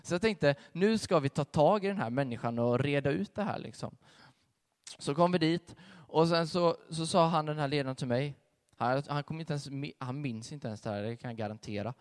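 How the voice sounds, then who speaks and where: A young man giving a sermon with a personal testimony, telling his story in a conversational, animated way. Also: fairly high pitch. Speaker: preacher. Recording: long hall reverb.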